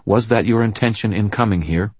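A man's voice: lowish voice, fairly quick, a little mellow, husky, dry recording, voice pushed up. A man voicing a tough woman police officer who speaks firmly and defiantly in an audiobook. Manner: firm, clipped, defiant. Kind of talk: audiobook character voice.

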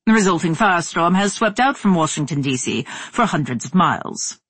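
A woman voicing a male radio newsreader, reading a bulletin in a measured way. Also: lowish voice, animated, a bit bright, slightly rough, dry recording. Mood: formal.

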